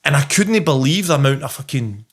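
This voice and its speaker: A middle-aged Glaswegian man tells casual anecdotes in an animated, sweary style, acting out the conversations. His voice sits on the high side and moves fairly quickly.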